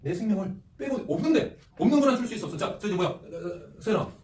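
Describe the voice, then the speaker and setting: Guy teacher quizzing his class fast, repeats himself a lot, echoey room, mic kinda far. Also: high-pitched. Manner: lively, repeats phrases and quizzes students. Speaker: ethics teacher. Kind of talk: classroom lecture with questions to students. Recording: echoey room, distant mic, faint noise.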